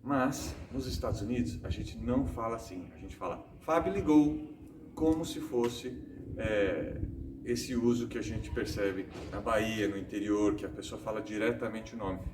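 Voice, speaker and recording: A Brazilian man hosting a casual English lesson from home, explaining rules with rhetorical questions and slowing down to stress his examples. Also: lowish voice, fairly even intonation, reverberant, far from the mic, a little hiss or hum. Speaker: English teacher and host.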